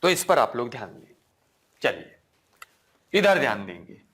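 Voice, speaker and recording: Lively, slow-speaking Hindi-accented male teacher. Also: medium pitch. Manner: repeats key words as questions to the class; asks the class "ठीक है ना?" again and again. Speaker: Sanskrit teacher. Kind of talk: online exam-prep lesson.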